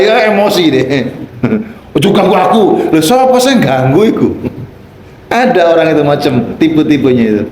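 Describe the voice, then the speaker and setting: A man's voice: a little high, reverberant. A man giving a playful sermon, acting out little dialogues and raising his voice for emphasis. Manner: playful, acts out quoted voices, rising to shouts for emphasis. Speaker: Islamic preacher. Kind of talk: lively sermon with acted dialogues.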